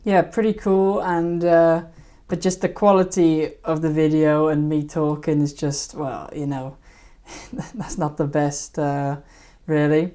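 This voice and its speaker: Low, mellow-voiced woman chatting casually. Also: flat delivery, slow pace, few pauses. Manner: rambling, hesitant, laughs at own old videos. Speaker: fishkeeping channel host. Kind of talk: casual live-stream commentary.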